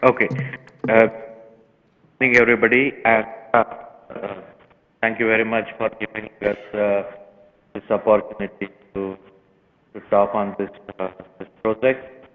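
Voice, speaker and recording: A man calling in by telephone to speak as a vaccine manufacturer on a panel, hesitant with many filler pauses, his phone held away from his mouth so he sounds distant and muffled. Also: fairly low pitch, little pitch movement. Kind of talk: conference call presentation. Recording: muffled distant phone line with long reverb.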